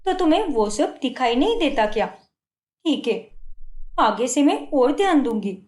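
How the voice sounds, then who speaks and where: Young cartoon wife, patient but hurt, played by a woman; high and lively. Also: unhurried, echoey room. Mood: pleading. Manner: pleading, defensive.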